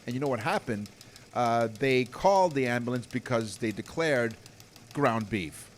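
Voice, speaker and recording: Lively pun-loving male co-host. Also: mid-range voice, moderate pace. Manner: pun-telling, laughs often. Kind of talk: joking radio chat.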